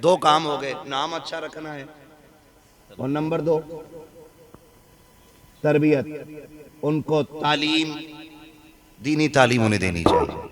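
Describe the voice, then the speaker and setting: Man, western Uttar Pradesh accent, sermon, humorous and teasing, crowd noise behind. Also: medium pitch. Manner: humorous, teasing the audience, rising and falling emphasis. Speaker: preacher. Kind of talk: sermon at a village gathering. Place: crowded gathering. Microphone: microphone on a stand.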